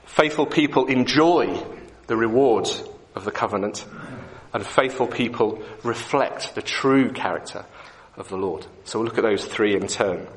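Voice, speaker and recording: A man's voice: on the low side, unhurried. Conversational male preacher. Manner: conversational, asks the congregation questions. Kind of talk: evening sermon.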